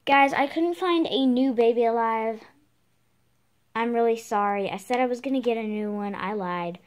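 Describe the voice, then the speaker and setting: A woman's voice: a little high, normal speed. A female doll vlogger chatting casually to her viewers. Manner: chatty, talks to viewers and dolls as if real. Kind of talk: casual vlog chat.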